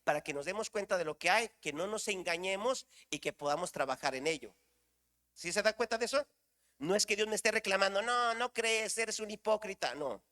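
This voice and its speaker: Man, middle-aged, preacher, high voice, bright and forceful, animated, shouts exclamations, questions the congregation. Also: fairly quick, in a large hall. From Mexico. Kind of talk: sermon.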